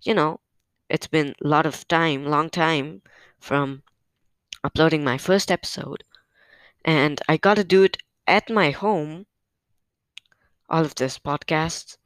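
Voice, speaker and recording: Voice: mid-range voice, steady tone, slow pace, pauses often, a bit bright, clean tone, dry recording. A podcast host recording at home on a new microphone, talking casually and hesitantly with many fillers, a little nervous. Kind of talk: casual solo podcast update. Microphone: new podcast microphone on a stand.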